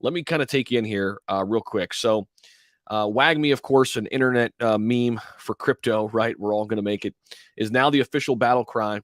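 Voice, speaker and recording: A man's voice: mid-range voice, normal speed, no room sound, studio quality. A man hosting a crypto livestream with slangy, promotional crypto bro hype, talking casually to his viewers.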